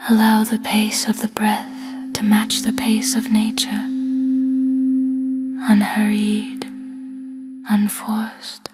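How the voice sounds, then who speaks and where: A woman's mid-range, monotone voice, soft, breathy and hushed, leads a scripted guided body scan in short phrases with long pauses. Loud music plays behind her.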